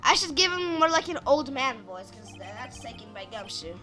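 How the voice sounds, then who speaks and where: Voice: high voice, sing-song, normal speed, bright, forceful tone, soft background music. A gamer making joking, chatty asides while playing through a story game. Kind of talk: casual let's play commentary.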